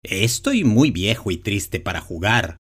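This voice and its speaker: A man voicing a weary old man in a read-aloud storybook, talking slowly and heavily. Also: on the low side, big pitch swings, slightly rough, heavily acted. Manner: slow, tired, heavy.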